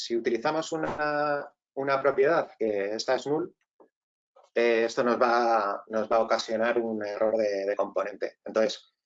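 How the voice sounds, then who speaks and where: A man's voice: mid-range voice, dull audio. Man from Spain teaching a webinar. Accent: Spain Spanish. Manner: explains step by step, keeps checking in with "vale". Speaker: webinar presenter. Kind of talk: online tech tutorial.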